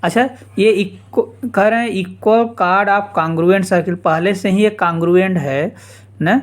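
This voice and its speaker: A man's voice: high-pitched, slow. A man teaching a geometry proof step by step, casually repeating each step and calling the listeners "yaar". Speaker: math teacher. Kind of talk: blackboard geometry lesson.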